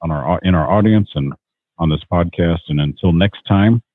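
A man's voice: low-pitched, moderate pace, heavy background noise. A man hosting a podcast, telling a story and exhorting listeners in an earnest, motivational way over a call. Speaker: podcast host. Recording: tinny phone-like call audio.

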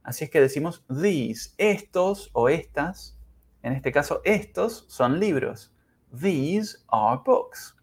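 A man teaching English pronunciation in a podcast lesson, speaking carefully and demonstrating sounds slowly. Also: on the high side, expressive, slightly rough. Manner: slow, careful, exaggerated pronunciation drills.

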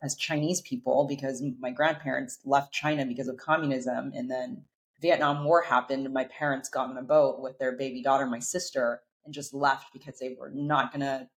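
A woman hosting a business podcast, upbeat and curious, asking her guest questions in quick runs. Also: rumbling low, flat delivery. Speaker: podcast host. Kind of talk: podcast interview.

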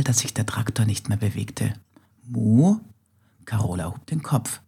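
Husky gravelly lady reading a kids story, soft and kinda whispery. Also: a bass voice. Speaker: narrator.

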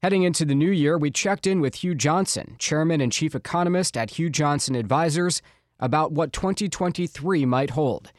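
A man presenting radio news, reading an introduction in a measured, scripted way. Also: on the high side, no echo, studio quality.

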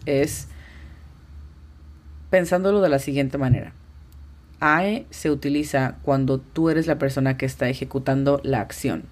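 A woman's voice: deep voice, darkish tone. A woman teaching English on a podcast, patiently explaining step by step and spelling out pronunciations. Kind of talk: podcast language lesson.

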